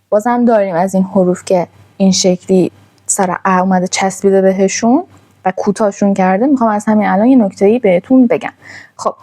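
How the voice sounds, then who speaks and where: Mellow-voiced woman teaching a language. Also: medium pitch. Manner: patient, drawn-out demonstration of sounds. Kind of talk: online language lesson.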